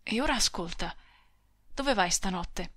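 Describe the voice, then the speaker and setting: A woman's voice: mid-range voice, animated, pushed and bright, no room sound, clean studio sound. A woman reading the part of a brusque young male soldier in an audiobook, speaking curtly and commandingly. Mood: hurried. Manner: curt, commanding, hurried.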